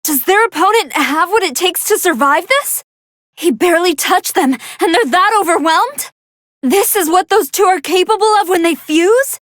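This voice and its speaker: A woman's voice: very high-pitched, animated, normal speed, fairly bright tone, dry recording, studio quality. A woman voicing a brainy female android scientist who gives articulate, analytical commentary on battles in a video game. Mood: excited, amazed. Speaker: fight commentator.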